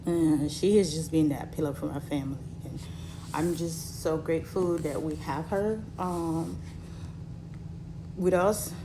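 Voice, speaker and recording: A woman in her thirties from Cameroon, telling her own story to her viewers in a halting way with many fillers, while recovering from surgery. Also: low voice, fairly even intonation, background noise. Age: 30s. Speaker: vlogger.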